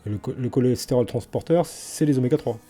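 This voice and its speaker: A man's voice: mid-range voice, quick pace, warm tone. A man in a casual garden vlog, talking colloquially with many hesitations and restarts, and blunt, enthusiastic opinions. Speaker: vlogger talking about his garden.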